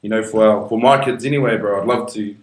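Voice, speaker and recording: A man's voice: fairly low pitch, fairly even intonation, quick pace. A man with a broad New Zealand Māori English accent chatting casually and slangily as a podcast guest. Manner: slangy, peppers speech with "bro" and "you know". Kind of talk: casual chat. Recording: echoey room.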